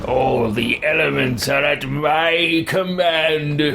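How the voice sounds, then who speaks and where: A man's voice: a little high, fairly even intonation, slow pace, vocal fry, background noise. A man voicing an arrogant, power-hungry apprentice mage in a fantasy game role-play, pompous and theatrical. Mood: gloating.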